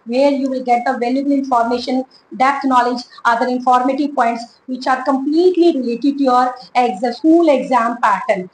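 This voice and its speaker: High-voiced Indian woman teaching history. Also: echoey room, a little hiss or hum, low-quality recording. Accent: Indian English. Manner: slow, repetitive dictation of dates and names. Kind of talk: online history lesson.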